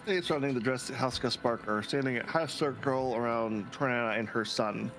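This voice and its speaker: A man's voice: medium pitch, moderate pace, fairly bright tone. A man playing a story game on a shared stream, reading dialogue aloud and chatting casually, sometimes stumbling over words.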